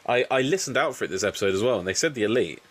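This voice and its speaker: A man's voice: medium pitch, lively intonation, racing. A man hosting a casual podcast, recapping a wrestling show with swearing and rambling asides. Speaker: podcast host.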